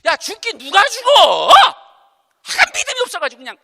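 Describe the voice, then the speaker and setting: A man's voice: extremely high pitch, huge pitch swings, normal speed, vocal fry, pushed and bright, voice pushed up, full character voice. A male pastor voicing a bold, brash older church deaconess who waves off worry in a folksy, dismissive way. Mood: scoffing. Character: bold older woman deaconess, scoffing and unshaken. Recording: long church hall reverb.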